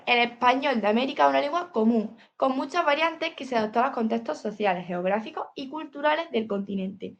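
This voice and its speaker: A woman's voice: high-pitched, highs cut off. A woman with a Spain Spanish accent gives a lecture from slides, reading steadily and adding "eh" and "¿vale?" asides. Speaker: teacher presenting a topic.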